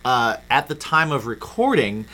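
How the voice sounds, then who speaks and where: A man's voice: mid-range voice, sing-song, measured pace, pushed and bright. A man hosting a podcast, chatting in an upbeat way and plugging the show. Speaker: podcast co-host. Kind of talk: casual chat.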